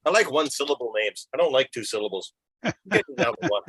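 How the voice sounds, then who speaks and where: A man making quick joking remarks on a casual group video call. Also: mid-range voice, big pitch swings, fairly bright tone, husky, no room sound, low-quality recording. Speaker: chat participant.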